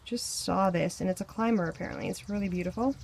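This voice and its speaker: A woman's voice: medium pitch, fast talker, gravelly, darkish tone, a little hiss or hum. A young woman, chatting casually as a vlogger while she tours a garden outdoors and wonders aloud about the plants, filmed on a handheld camera. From Canada. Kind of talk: casual chat.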